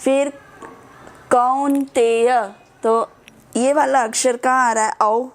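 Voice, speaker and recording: A woman teaching children to pronounce Sanskrit verses, drilling syllables slowly and patiently. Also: high-pitched, steady tone. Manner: slow, patient drilling of syllables, mixing English words. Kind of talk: online class teaching.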